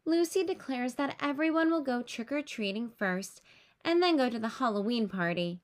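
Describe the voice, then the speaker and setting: A woman reading a children's story aloud with expressive narration aimed at young listeners. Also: on the high side, moderate pace. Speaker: storybook reader.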